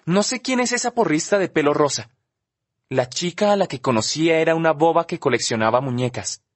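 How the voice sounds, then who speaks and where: A man's voice: expressive, a little fast, no room sound, lightly acted. Man doing a tearful teenage girl. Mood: defensive. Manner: raised girlish pitch, sobbing and pleading. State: crying. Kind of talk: audiobook character voice.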